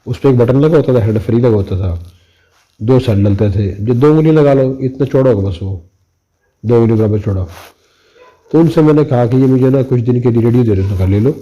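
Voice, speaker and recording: A middle-aged male preacher from Pakistan recounts a memory in an easy, conversational sermon style. His voice is mellow and warm, and he speaks at a middle pitch. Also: lo-fi sound. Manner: conversational, anecdotal, addresses listeners directly. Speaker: Islamic preacher. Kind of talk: storytelling religious talk.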